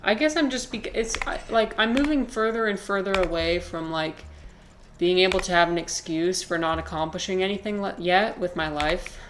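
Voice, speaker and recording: Low-voiced woman streamer in her twenties. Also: steady tone, normal speed, noisy background. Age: 20s. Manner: chatty and rambling, swears freely, answers chat comments. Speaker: live streamer playing a video game. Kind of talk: casual live-stream chat with viewers.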